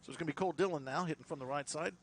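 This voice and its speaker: A man's voice: on the high side, racing. Male baseball play-by-play caller, upbeat, chatty banter, faint outdoor hum behind. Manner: lively, rises sharply on big plays; chatty, laughs with his partner. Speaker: play-by-play announcer. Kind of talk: baseball commentary.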